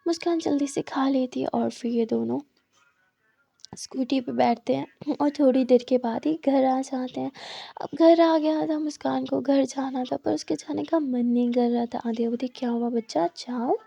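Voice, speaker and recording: A woman's voice: sits high, fairly even intonation, normal speed, gravelly, mellow, slightly rough. A woman narrating a romance story in a casual, conversational way.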